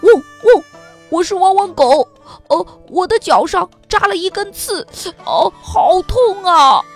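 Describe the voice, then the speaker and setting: A woman's voice: extremely high pitch, animated, slow pace, soft background music, voice pushed up, exaggerated voice. A woman voicing a small pleading dog in a children's storybook, whiny and yelping. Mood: hurting. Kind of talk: storybook character voice.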